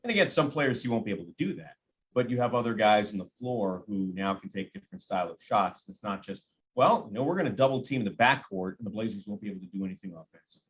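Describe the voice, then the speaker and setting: This lowish, animated male voice moves at a quick pace through casual basketball analysis. He's a sports radio play-by-play announcer guesting on a podcast, conversational yet emphatic, repeating phrases for stress and speaking imagined quotes.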